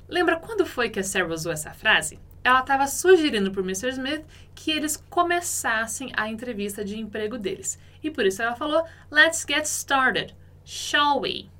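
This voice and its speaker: A woman with a Brazilian Portuguese accent teaches English in a didactic, explanatory way. Her voice is bright and a little high, and she slows down to model each English phrase before explaining it.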